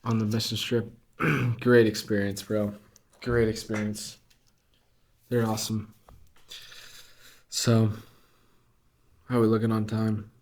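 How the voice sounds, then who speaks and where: A man's voice: lowish voice, little pitch movement, slow, long pauses, a little mellow. A man co-hosting a casual ministry podcast, playful and full of "dude" and "bro", making jokey arguments. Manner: playful, says "bro" and "dude", argues jokingly. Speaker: student ministry podcast co-host. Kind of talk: casual chat.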